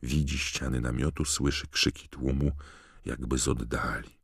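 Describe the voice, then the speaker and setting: A man narrating an audiobook in a measured, steady reading. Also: very deep voice, gravelly, breathy edge, dry recording, clean studio sound. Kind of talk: scripted narration.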